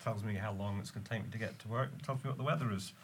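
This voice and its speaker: A man's voice: on the low side, racing, slight background noise. A man speaking as a guest in a casual panel discussion, explaining things steadily with occasional fillers.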